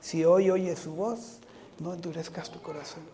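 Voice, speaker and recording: A man's voice: fairly high pitch, fairly even intonation, moderate pace, dark tone. A man preaching a sermon, speaking earnestly, often putting rhetorical questions to the congregation and addressing them directly.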